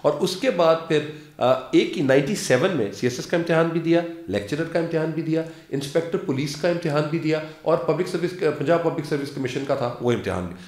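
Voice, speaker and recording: Animated man telling stories. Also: a little high, hardly any pauses. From Pakistan. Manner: animated storyteller who acts out quoted dialogue. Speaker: actor and lecturer, interview guest. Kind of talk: casual interview storytelling. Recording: roomy studio echo.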